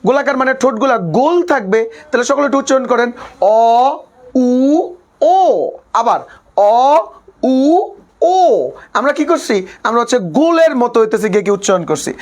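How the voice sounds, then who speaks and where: A man teaching a live online class. He repeats each point several times, leans on a habitual filler phrase, and teases his students playfully between explanations. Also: very high voice.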